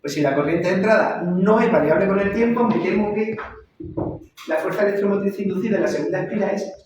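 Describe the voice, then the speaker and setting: Guy lecturing a class, kinda high voice, really echoey room, mic way off. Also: fairly quick, darkish tone, far from the mic, slight background noise. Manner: repeats and checks understanding with "¿vale?". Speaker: university lecturer.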